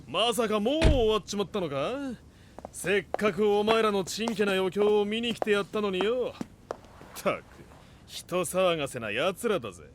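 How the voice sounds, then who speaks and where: Man doing a swaggering rough tough guy, high voice, very animated, music underneath. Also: normal speed, background noise. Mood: mocking. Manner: rough, mocking street talk. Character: brash swaggering older brother type. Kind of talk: audio drama acting.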